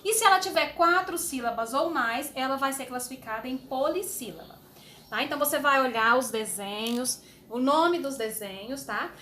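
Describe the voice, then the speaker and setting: A woman teacher explaining a homework sheet to young children, slowly and patiently, with fond little words. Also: high voice, bright, forceful tone, a little hiss or hum. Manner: slow, patient, uses diminutives. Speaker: schoolteacher.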